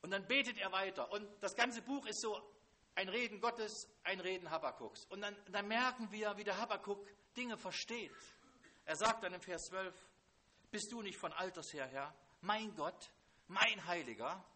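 A man preaching a sermon to a congregation, swinging from loud, dramatic outbursts to quiet, hushed lines. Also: high-pitched, normal speed.

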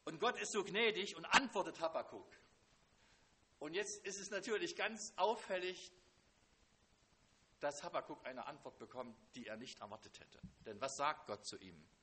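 A man preaching a sermon to a congregation, swinging from loud, dramatic outbursts to quiet, hushed lines. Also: a little high, lively intonation, moderate pace, a little hiss or hum.

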